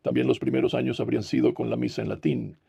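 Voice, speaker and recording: A man hosting a studio interview, welcoming his guest and asking lively questions. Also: medium pitch, quick pace, vocal fry, breathy edge, no room sound. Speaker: TV interview host.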